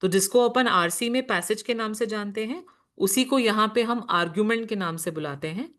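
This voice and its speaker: A woman teacher with a medium-pitched, brisk, fairly bright voice gives a classroom lecture on reasoning. She explains patiently, poses questions and answers them herself, and mixes terms into Hindi.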